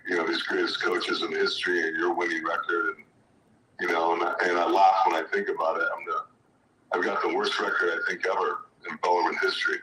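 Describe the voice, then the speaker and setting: Here the former pro football player and high school coach talks fairly quickly in a low-pitched, level voice that sounds pushed and bright. Appearing as a guest on a video call, this middle-aged man reflects on interview questions with hesitant restarts. An echoey, far-off mic picks up background noise.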